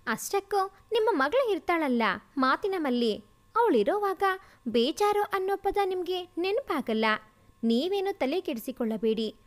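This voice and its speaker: A man's voice: very high voice, measured pace, heavily acted. A woman reading aloud and voicing a playful, teasing young man in a storybook tale. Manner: teasing, lively.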